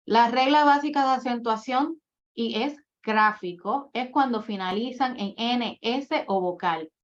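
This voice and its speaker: A woman giving a workshop lecture, explaining writing rules step by step with example after example. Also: a little high. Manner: methodical, lists rules and examples one by one. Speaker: admissions coordinator giving a workshop. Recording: dull lo-fi recording.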